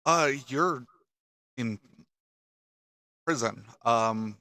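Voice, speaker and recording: A man narrating a tabletop game as dungeon master, halting and restarting often. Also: medium pitch, pushed and bright, dry recording, studio quality. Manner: halting, with many restarts and fillers.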